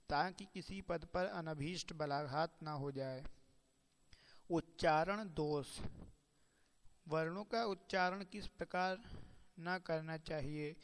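A man gives a careful lesson, speaking slowly and with deliberate emphasis. His voice sits a little high for a man. It rings out with a long reverb, as if he is in a large hall. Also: clean tone. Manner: measured, slows to chant quoted verses. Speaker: teacher. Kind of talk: lecture on Sanskrit pronunciation.

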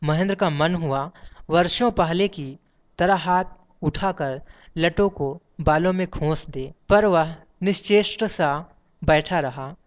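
Measured audiobook narrator, dull lo-fi sound. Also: medium pitch. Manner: steady, measured reading that includes page numbers aloud. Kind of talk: literary story reading. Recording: dull lo-fi recording.

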